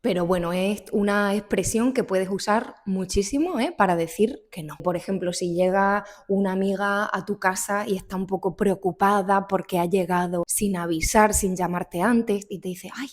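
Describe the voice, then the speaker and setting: A woman's voice: medium pitch, fairly even intonation, normal speed, hardly any pauses. Chatty Spanish woman teaching. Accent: Spain Spanish. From Spain. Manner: chatty, laughs often, acts out little dialogues. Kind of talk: casual video lesson.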